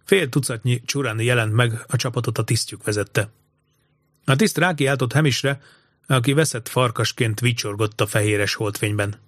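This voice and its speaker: A man narrating an audiobook story in an even, measured way. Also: mid-range voice, no echo, studio quality.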